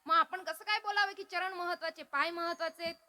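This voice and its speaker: A woman's voice: very high-pitched, fairly even intonation, a little fast, bright, forceful tone. A woman preacher giving a devotional kirtan sermon, putting questions to her audience and urging them to answer aloud.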